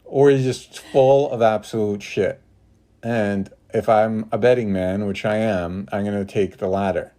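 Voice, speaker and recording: Man, podcast co-host, sarcastic rant, casual chat, deep voice. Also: fairly even intonation, a little slow, warm tone. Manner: ranting, sarcastic.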